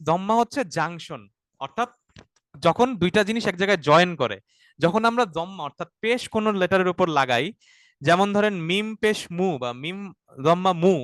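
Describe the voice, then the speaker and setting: A man with a fairly high voice explains grammar patiently, going back over each point and checking in with his listeners. The sound is dry and close, with no room around it. He slips English words into his explanations. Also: fairly bright tone, no echo. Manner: patient, repeats points and asks "ঠিক আছে?" often; mixes English words into Bengali. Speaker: Arabic grammar teacher. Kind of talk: explanatory online class.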